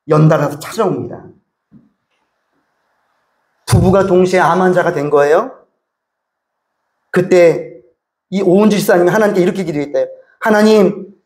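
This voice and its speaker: A man's voice: sits high, darkish tone. A male pastor delivering a sermon, telling a story and speaking directly to his congregation. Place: church sanctuary. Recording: echoey church hall.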